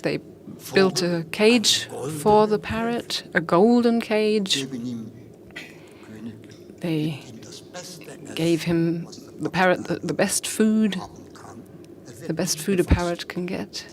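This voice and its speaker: A woman giving a talk on fasting, telling a parable slowly with pauses and fillers. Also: on the low side, crowd noise. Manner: slow, pausing, with fillers. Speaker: speaker on fasting. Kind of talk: storytelling talk.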